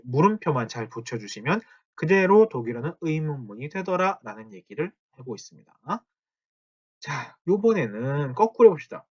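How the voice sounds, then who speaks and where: A man teaching a German grammar lesson, drawing out German example sentences slowly between explanations. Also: medium pitch, slightly rough, muffled recording. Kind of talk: spoken grammar lesson at a whiteboard.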